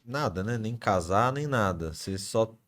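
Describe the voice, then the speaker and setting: A man hosting a podcast, gently prompting his guest with brief follow-up questions. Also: on the low side, lively intonation, moderate pace. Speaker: podcast host. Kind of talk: interviewer asking follow-up questions.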